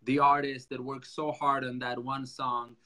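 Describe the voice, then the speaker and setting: A man's voice: medium pitch, flat delivery, a little slow, sharp tone. A man hosting an interview, chatting with energy and asking playful questions. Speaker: podcast host. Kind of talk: casual interview chat.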